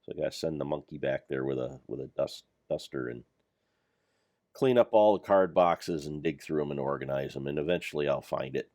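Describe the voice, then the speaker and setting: A man's voice: extremely low pitch, a little fast, a little mellow, no room sound, studio quality. An older man giving rambling, self-deprecating commentary over his gameplay of a Minecraft mod pack. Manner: meandering, self-deprecating, jokey.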